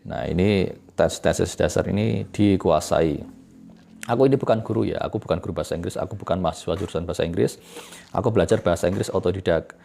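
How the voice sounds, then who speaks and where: Gravelly, chatty man teaching English. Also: deep voice, fast, slight background noise. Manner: relaxed, chatty explaining with fillers and self-corrections. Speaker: English tutor. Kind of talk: casual self-taught English lesson.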